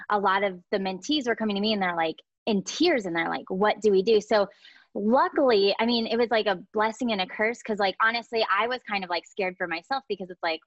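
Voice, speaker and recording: A woman's voice: mid-range voice, no room sound. Young woman guest, chatty, lots of "like" and "um", dry muffled home mic. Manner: chatty, filler-heavy, upbeat. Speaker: photography educator, guest. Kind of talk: casual interview chat.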